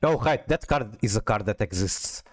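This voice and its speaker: Animated man. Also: on the low side, moderate pace, faint music behind. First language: Portuguese. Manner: animated, disbelieving outbursts with swearing and laughter. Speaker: streamer. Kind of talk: casual livestream card game commentary.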